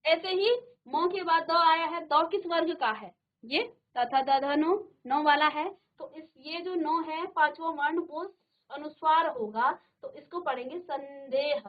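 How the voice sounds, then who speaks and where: A woman teacher with a high voice gives a slow, deliberate grammar lesson, repeating each point and checking in with her class. She sounds middle-aged, and the studio broadcast has a slightly dull, lo-fi sound. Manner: patient, repeats and checks with "ठीक है".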